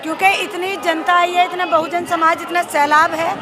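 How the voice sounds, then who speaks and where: A woman's voice: extremely high pitch, little pitch movement, normal speed. A woman protester giving rousing answers at an outdoor protest. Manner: rousing, chant-like singing. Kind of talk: street interview answers and protest song. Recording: loud crowd behind.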